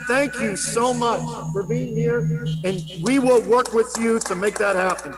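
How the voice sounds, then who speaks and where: A man moderating a public meeting, firmly pressing speakers for clear commitments. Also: extremely high pitch, a little slow, music in the background.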